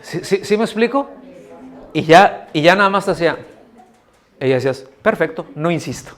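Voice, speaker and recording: Middle-aged man, fairly high-pitched, pastor giving a conversational sermon in a church hall and acting out the voices he quotes. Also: animated, normal speed, a bit bright. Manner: conversational preaching, asks the audience questions, acts out quoted voices.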